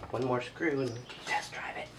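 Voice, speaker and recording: A man's voice: medium pitch, a little slow. A man chatting casually while installing drawers, captured on old camcorder audio. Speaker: home woodworker filming himself. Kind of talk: casual chat while working. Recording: noisy old camcorder audio, distant mic.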